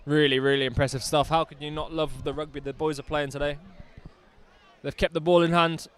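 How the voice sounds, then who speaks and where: A man's voice: on the high side, little pitch movement, a little fast, a bit bright, clean tone. A man doing live rugby commentary outdoors, chatty and enthusiastic with jokey asides.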